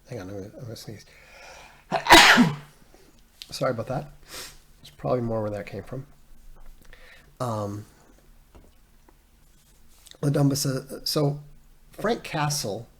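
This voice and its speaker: A man's voice: medium pitch, darkish tone, breathy edge. A man hosting his own livestream, talking casually and rambling with frequent fillers and restarts. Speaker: livestream host. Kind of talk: casual solo livestream talk.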